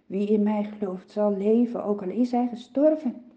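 A woman voicing calm, gentle Jesus. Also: medium pitch, moderate pace, dull audio, close to an everyday voice. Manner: calm, soft-spoken.

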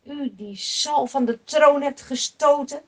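A woman shouting as a jeering, cursing man. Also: sits high, slow pace, voice pushed up.

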